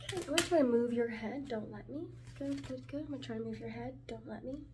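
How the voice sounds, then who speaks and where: A woman in a soft ASMR ASMR role-play, playing a suspicious airport security officer who gives procedural, repeated instructions. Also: on the high side, fast talker, natural voice. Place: small room at home, indoors. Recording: distant mic, clear background noise, clicks.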